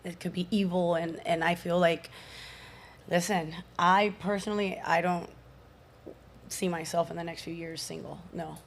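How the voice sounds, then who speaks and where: A woman in her thirties speaks as a guest on a podcast panel in a fairly low voice. She talks casually and animatedly, with plenty of slang. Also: fairly even intonation, normal speed, creaky, slight background noise. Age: 30s.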